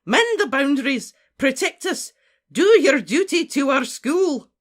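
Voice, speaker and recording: An audiobook narrator voicing a stern, commanding woman professor of witchcraft, crisp and imperious, in a storybook reading. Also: mid-range voice, sing-song, fairly quick, a bit bright, voice pushed up. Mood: urgent, rallying.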